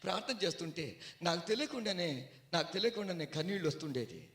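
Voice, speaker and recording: Brief: high, bright male preacher, animated storyteller, echoey church hall. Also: fast. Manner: storytelling, animated, swings from hushed to loud. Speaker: guest preacher. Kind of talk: sermon.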